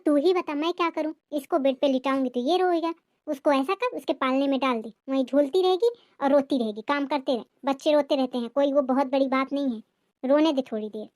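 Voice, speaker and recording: Cartoon mother-in-law, middle-aged and harsh, keeps scolding; a woman voices her high and dry. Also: fairly quick, a little mellow, no echo, natural voice. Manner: scolding, accusing. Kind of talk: cartoon family drama voicing.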